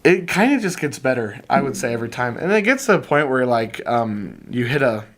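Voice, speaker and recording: A teenage boy co-hosting a student podcast in casual chat, rambling and jokey, with sudden jumps in pitch. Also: sing-song, a little fast. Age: late teens.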